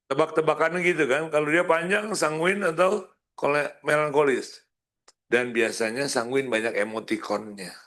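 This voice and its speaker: A man's voice: a little high, normal speed, fairly bright tone. A man coaching a sales team, casual and slangy, acting out short example greetings. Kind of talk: coaching session.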